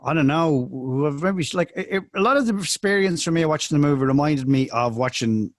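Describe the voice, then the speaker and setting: A man co-hosting a podcast, talking casually about a movie in a hesitant, halting way with many restarts. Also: fairly high pitch, expressive, no echo, clean studio sound. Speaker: podcast co-host. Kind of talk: casual movie review chat.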